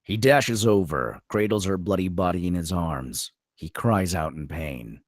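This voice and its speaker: Screenplay stage directions are narrated by a man whose voice is extremely deep. He takes his time, delivering them dramatically with lively, widely swinging intonation, and the close recording has no room sound.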